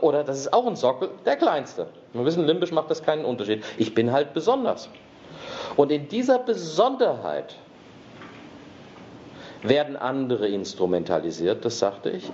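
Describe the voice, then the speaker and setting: A man's voice: mid-range voice, a little mellow, lo-fi sound, slight background noise. A man lecturing on therapy and coaching, reading a fairy tale aloud and breaking off to interpret it, with frequent tag questions.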